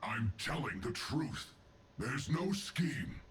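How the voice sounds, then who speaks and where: A man's voice: mid-range voice, big pitch swings, slow pace, fairly bright tone, echoey room, slight background noise. An actor voicing an aggrieved soldier in a game who insists he is innocent. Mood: defensive. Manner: defensive, protesting. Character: sullen male soldier, defensive and aggrieved.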